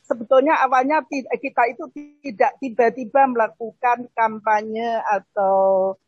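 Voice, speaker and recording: Older lady telling her advocacy story over a video call, kinda husky, muffled lo-fi sound. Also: a little high, fairly even intonation, moderate pace, faint music behind. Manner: earnest, self-correcting restarts. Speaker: foundation founder, guest speaker. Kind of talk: online talk, recounting advocacy. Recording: dull, lo-fi online call audio.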